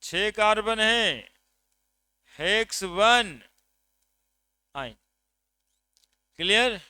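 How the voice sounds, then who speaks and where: A man's voice: sits high, expressive, extremely slow, pushed and bright, smooth, dry recording. A man from India teaching a chemistry class, counting atoms aloud and checking with his students. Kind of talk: classroom lecture.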